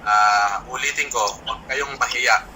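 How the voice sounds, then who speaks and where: Man, video call, very bright tone, soft-spoken, jokey, mixes in English. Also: mid-range voice, a little slow, soft background music, poor audio. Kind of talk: casual video call chat.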